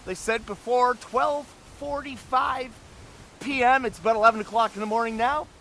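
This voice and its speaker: A man's voice: very high-pitched, steady tone, normal speed, creaky, pushed and bright, a little hiss or hum. A middle-aged man hosting a casual home-renovation vlog, upbeat and chatty, talking to viewers at home and outdoors by a lake in winter. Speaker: vlogger.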